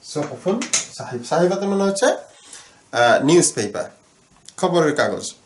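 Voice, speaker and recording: A man teaching Arabic grammar in Bengali, explaining slowly with many fillers and repeated words. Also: fairly high pitch, big pitch swings, echoey room.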